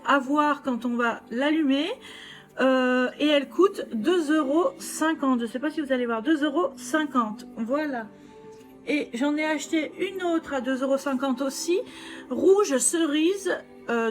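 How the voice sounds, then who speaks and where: Woman vlogger, high voice, chatty and unpolished, light music underneath. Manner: chatty, many fillers and restarts. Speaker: vlogger showing shopping haul. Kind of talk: casual chat.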